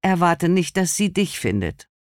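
A man's voice: sits high, very animated, a little slow, no room sound, clean studio sound, pitched above the performer's own voice. A stern mother, read by a male narrator. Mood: earnest, urgent. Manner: firm, insistent. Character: stern worried mother, older woman.

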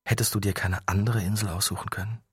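A man's voice: fairly low pitch, little pitch movement, quick pace, slightly rough, dry recording, clean studio sound. A man reading the lines of an uneasy young woman who asks incredulous questions.

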